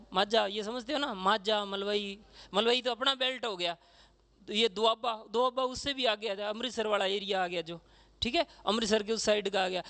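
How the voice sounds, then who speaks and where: A male teacher from Rajasthan, lecturing a class in a chatty way and filling pauses with "okay". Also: high-pitched, sharp tone. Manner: chatty, says "theek hai" constantly, acts out regional speech.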